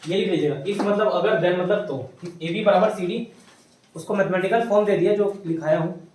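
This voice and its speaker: गूंजते कमरे में दूर से पढ़ाता आदमी. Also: male voice, high-pitched, a little mellow, slight background noise. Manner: slow repeated dictation, mixing Hindi with English terms. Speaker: maths teacher. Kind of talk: classroom lecture, dictating notes. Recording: echoey room, voice from a distance.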